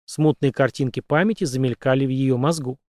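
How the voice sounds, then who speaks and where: A man reading a story aloud as narrator, in an expressive storytelling manner. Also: medium pitch, brisk, no room sound, studio quality. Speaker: audiobook narrator. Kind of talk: scripted narration.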